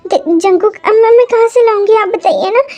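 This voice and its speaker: A woman's voice: very high voice, brisk, a little mellow. A woman voicing a doting, fretful female caretaker who coaxes and fusses, often stammering, in a hobby audio story. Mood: coaxing. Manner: coaxing, fussing, stammering.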